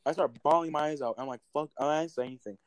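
A young man in casual chat, telling animated stories and swearing constantly. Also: on the high side, very fast, dry recording. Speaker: podcast co-host.

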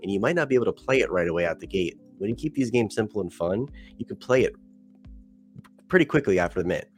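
A man co-hosting a livestream, giving quick, upbeat opinions in casual chat. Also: on the low side, lively intonation, slightly rough, soft background music. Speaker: livestream co-host.

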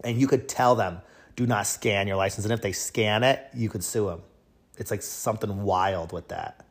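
A man's voice: lowish voice, moderate pace. A man, a truck driver, telling a story in a rambling, casual rant full of fillers, acting out the people he quotes.

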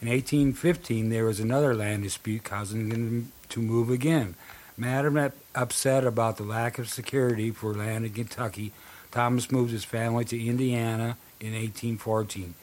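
A man's voice: medium pitch, steady tone, moderate pace, darkish tone. Casual male conspiracy podcast host. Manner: conversational, loose, anecdotal. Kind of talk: casual podcast storytelling and history narration.

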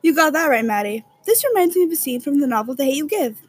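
A young woman as a guest on a scripted mock talk show, speaking earnestly and pausing to find her words. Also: high voice, big pitch swings.

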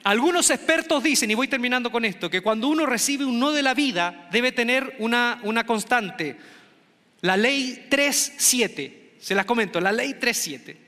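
A middle-aged man from Chile telling a comic story to an audience, animated and acting out the voices of the people in it. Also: very high voice, normal speed. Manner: animated, acts out quoted voices. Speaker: stand-up comedian. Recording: long hall reverb.

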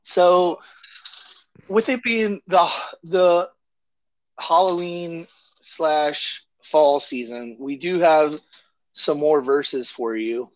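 A man's voice: fairly high pitch, very slow, lo-fi sound. A man co-hosting a podcast in casual chat, rambling loosely with lots of fillers and restarts. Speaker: podcast co-host.

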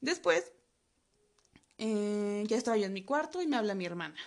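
A woman's voice: mid-range voice, lively intonation, moderate pace. A woman with a Mexican accent telling a funny personal anecdote, crude and slangy, full of swearing. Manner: crude, profanity-laced, slangy storytelling.

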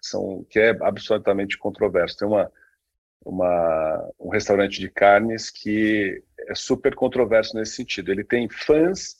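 A man's voice: lowish voice, measured pace, highs cut off. A man co-hosting a casual talk, speaking with many fillers and restarts. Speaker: podcast co-host. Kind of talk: casual conversation on branding.

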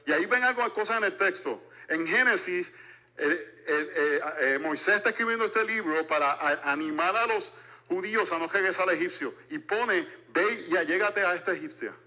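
Bright-voiced joking preacher, a man in his forties. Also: high voice, moderate pace. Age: 40s. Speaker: pastor. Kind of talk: sermon.

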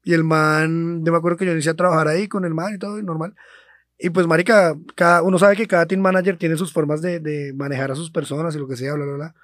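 A young man with a Colombian accent co-hosts a podcast, telling a long story in loose slang and swearing freely. His voice sits on the high side with fairly even intonation, he talks fast, and there's no room sound.

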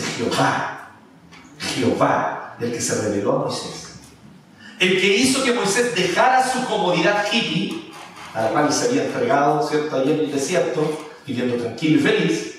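A pastor preaching a sermon, animated, with emphasis that rises and drops. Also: male voice, on the high side, a little hiss or hum. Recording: echoey room from a distance.

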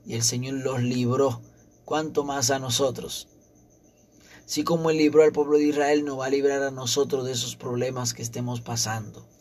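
Male preacher, mid-pitched, fervent repetitive sermon delivery, crickets audible behind. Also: a little mellow.

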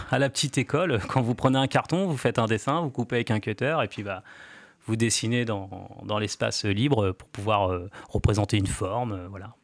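A man in his forties, a graffiti artist guest on a radio show, explaining slowly with many fillers and restarts. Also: medium pitch, dry recording. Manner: hesitant, many fillers and restarts, laughs lightly. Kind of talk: casual radio interview.

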